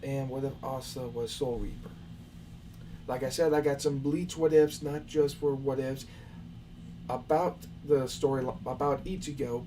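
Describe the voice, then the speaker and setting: In a warm, medium-pitched voice, a young man running a casual live Q&A for his channel responds to viewer questions. He speaks loosely and scolds his audience somewhat exasperatedly. The recording is distant, with faint noise behind him.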